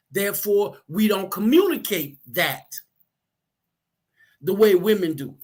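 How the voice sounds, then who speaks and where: A man talking earnestly and explaining his ideas, often restarting and repeating words. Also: high voice. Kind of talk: casual discussion.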